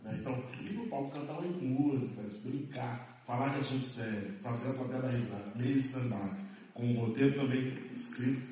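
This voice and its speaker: Heard from far off in an echoey hall with slight background noise, a Salvador-born actor of stage and TV, from Bahia, Brazil, addresses a press conference. His mid-range voice is fairly quick and a little mellow, and he is passionate and emphatic, repeating phrases for stress.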